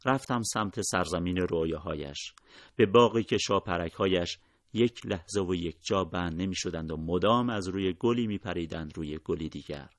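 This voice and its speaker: A man narrating a first-person story in a measured, somber tone as a scripted audiobook reading. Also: low voice, no room sound, clean studio sound.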